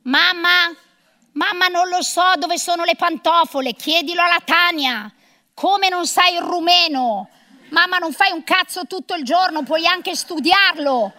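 A woman's voice: very high voice, unhurried, pushed and bright. A middle-aged woman performing a comic monologue of phone calls as a bossy, sarcastic career mother.

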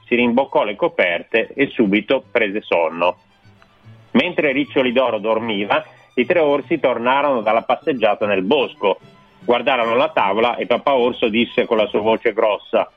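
A man's voice: medium pitch, no room sound. Man reading a children's tale on radio. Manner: slow, expressive storyteller delivery. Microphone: studio microphone. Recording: dry, tinny radio broadcast with faint music.

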